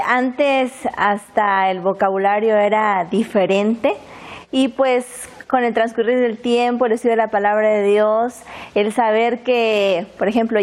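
A woman's voice: mid-range voice, a little mellow. A young woman from Chiapas, a theology student guest speaking in a thoughtful, casual way. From Chiapas, Mexico. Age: young adult.

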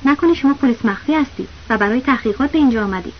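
A woman's voice: high voice, lightly acted. A woman reading the lines of a male village school principal, a chatty know-it-all who keeps cutting in with insistent, knowing remarks. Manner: knowing, insistent, talks over others. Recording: dull lo-fi audiobook recording with faint hiss.

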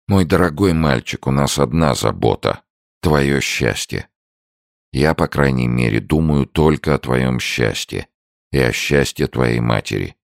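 A man voicing a weary, gravely ill old father speaking solemnly to his son. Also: a bass voice, no room sound, clean studio sound, heavily acted. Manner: tired, solemn.

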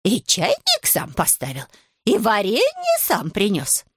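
A woman's voice: on the low side, animated, normal speed, dry recording, studio quality. Woman playing a bossy old grandmother.

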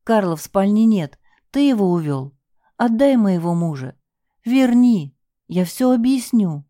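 A woman's voice: expressive, a little slow, dark tone, no room sound, studio quality, natural voice. A woman voicing a hysterical, frightened young wife who pleads and sobs. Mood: pleading. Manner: sobbing, shrill pleading.

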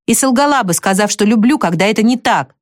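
A woman reading aloud voices a frank, impulsive young woman who pleads in a high, emotional voice. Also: expressive, fast talker, no room sound, studio quality, natural voice. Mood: pleading.

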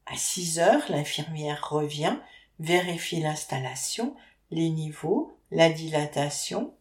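A woman narrating an audiobook with wry, lively storytelling. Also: on the low side. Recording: roomy echo.

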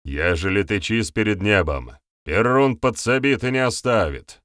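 A cold, mocking village chief, played by a man reading aloud. He speaks unhurriedly and calmly, in a lowish voice. The sound is dry and close. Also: measured pace, no echo. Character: calm, cold-blooded male village chief.

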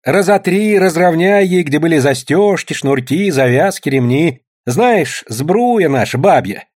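A man voicing a bold, mocking young village woman in an audiobook, brisk and sharp-tongued. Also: a little high, lively intonation, pitched above the performer's own voice. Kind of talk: audiobook character voice.

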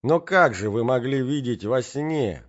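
A man's voice: mid-range voice, animated, moderate pace, a little mellow, voice pushed up, natural voice. A man voicing an imperious middle-aged matron who presses her demands with indignation, in a dull lo-fi recording. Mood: indignant.

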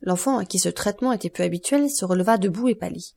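A woman narrating a classic novel as an audiobook in a measured, expressive storytelling voice. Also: fairly low pitch, creaky.

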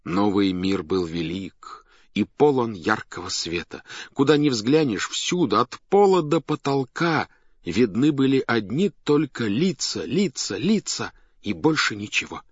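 Lively theatrical male storyteller. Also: mid-range voice, unhurried, husky, dry recording. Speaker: audiobook narrator. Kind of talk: expressive literary reading. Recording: dull dry studio recording.

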